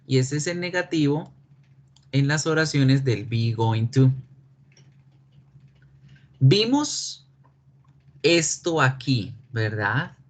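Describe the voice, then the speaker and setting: A male English teacher whose first language is Spanish, giving an online class in a slow, patient way and often checking that students follow. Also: medium pitch, expressive. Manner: slow, patient explaining with frequent check questions. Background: keyboard typing.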